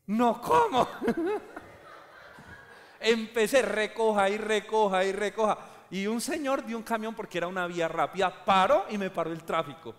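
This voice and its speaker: Colombian male pastor, high and forceful, emphatic sermon, long hall reverb. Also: fairly quick, few pauses. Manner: emphatic preaching, rising to shouts.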